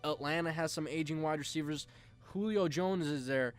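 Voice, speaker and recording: A man's voice: on the high side, moderate pace, faint music behind. A young man hosting a football draft show, giving a casual scouting breakdown with frequent fillers and restarts. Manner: many fillers and restarts, conversational. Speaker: football draft analyst host.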